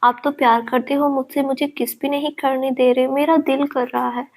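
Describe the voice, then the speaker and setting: A hurt, stubborn young woman from a storybook, drunk and tearful, pleading and reproaching her lover, as a woman narrator puts her on. The voice sits high and barely moves in pitch, with the same reading tone as the narration. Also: little pitch movement, moderate pace, darkish tone.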